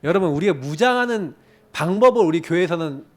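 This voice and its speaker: A middle-aged man preaching a sermon as pastor, swinging between loud emphatic questions and quiet, confiding storytelling. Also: a little high, expressive, brisk. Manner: asks the congregation questions and answers them himself.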